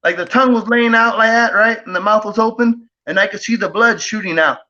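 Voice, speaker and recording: A man's voice: high-pitched, a little fast, pushed and bright. A man telling a story as a guest in casual talk, rambling with lots of fillers and tag questions. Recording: dull lo-fi audio.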